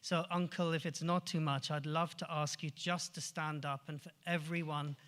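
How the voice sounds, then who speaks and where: A man's voice: a little high, flat delivery, normal speed, background noise. A man giving a heartfelt memorial tribute from a stage, ending with a poetry reading. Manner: heartfelt, briefly emotional. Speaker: master of ceremonies at a memorial. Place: large hall, on stage. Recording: long hall reverb.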